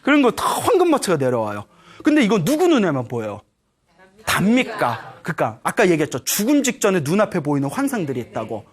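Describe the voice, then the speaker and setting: A man who is a Buddhist monk, giving a dharma talk and telling a story with animated flair, often prodding his listeners with quick questions. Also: high voice. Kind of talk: dharma talk to a live audience.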